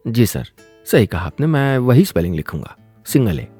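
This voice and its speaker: A man's voice: medium pitch, sing-song, normal speed, vocal fry, warm tone, husky, soft background music, pitched below the performer's own voice, full character voice. A man voicing a meek, anxious young male job seeker who answers politely and hesitantly.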